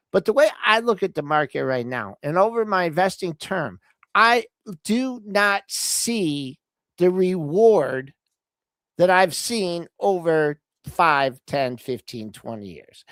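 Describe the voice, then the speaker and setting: Older woman, hesitant and measured. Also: fairly low pitch, big pitch swings, no room sound. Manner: measured, hesitant, full of fillers and restarts. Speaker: co-host of a market show. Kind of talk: casual market talk.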